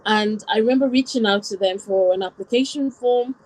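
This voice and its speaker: Born in Wales and raised in Nigeria from around nine, a woman shares her personal story step by step as an interview guest, in a reflective manner. Her mid-range voice is a little mellow and fairly quick, and the audio quality is poor.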